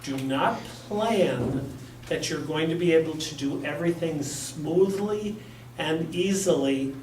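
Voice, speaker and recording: A man leads an informal workshop in a blunt, joking, emphatic way, his voice a little high for a man. He takes his time, speaking slowly and deliberately. He is recorded from across an echoey meeting room. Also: a little mellow, recorded from a distance, a little hiss or hum. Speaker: workshop presenter. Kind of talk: informal training talk. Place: community center meeting room. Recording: echoey room, picked up from afar.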